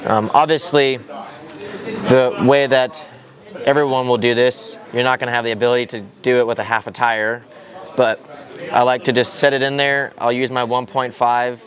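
In a large indoor hall where people sit at tables, a young RC racer shows how he preps his tires, explaining step by step in a loose way full of fillers and restarts. His medium-pitched voice is flat and moves at a normal speed, recorded over the crowd chatter filling the hall.

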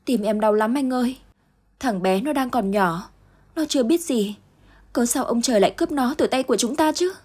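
A woman voicing a grieving young mother who pleads and cries out in a raised voice, with a husky tone. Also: moderate pace, mellow, lightly acted. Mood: distraught. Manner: pleading, crying out high.

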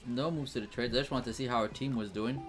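A man's voice: mid-range voice, steady tone, fast talker, over music. A man giving casual, think-aloud commentary over his gameplay, with frequent fillers and restarts. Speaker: gaming channel host.

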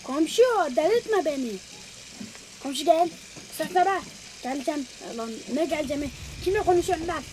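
A woman playing a video game and commenting on it, exasperated and often yelling at the character on screen. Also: sits high, lively intonation, quick pace, noisy background. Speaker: gamer. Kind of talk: let's play commentary. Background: loud game music.

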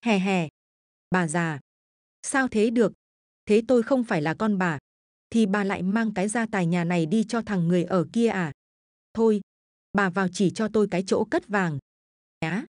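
A woman's voice: mid-range voice, normal speed, long pauses, no room sound, lightly acted. A crude, greedy village man sneers and mocks his old mother, as a woman storyteller puts him on. The voice is dry and close to the mic. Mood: mocking. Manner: sneering, mocking.

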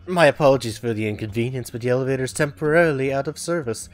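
A man's voice: mid-range voice, quick pace, voice pushed up, natural voice. A man reading as a polite hotel staffer. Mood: formal. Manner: formal, courteous service talk.

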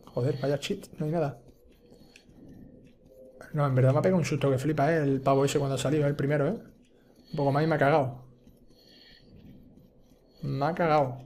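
A man with a Spain Spanish accent streaming a game live, chatty and quick to swear and yell when startled. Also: on the high side, steady tone, slight background noise. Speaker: gaming streamer. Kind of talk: live gameplay commentary.

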